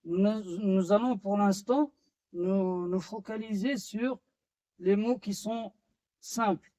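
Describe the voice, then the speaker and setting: Male language teacher, high voice, halting and unhurried delivery with many fillers. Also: warm tone, low-quality recording. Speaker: French teacher. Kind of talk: slow classroom-style lesson.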